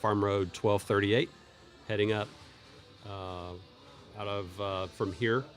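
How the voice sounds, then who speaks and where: A man's voice: fairly low pitch, steady tone, takes it slowly, soft background music. A man from Texas, a laid-back biker guest on a casual talk show.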